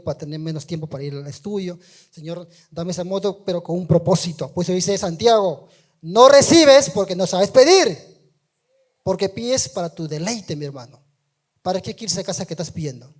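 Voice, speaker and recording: High-voiced man preaching. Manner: swings from quiet storytelling to loud emphatic calls. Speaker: preacher giving testimony. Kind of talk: sermon testimony.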